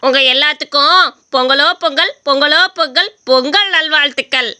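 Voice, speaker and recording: A cocky village trickster from a cartoon story taunts everyone and brags about his own bravery, as a woman acts him out. The voice is high and bright, with a mocking edge. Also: brisk. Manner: mocking, boastful. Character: cheeky young village man, cocky trickster.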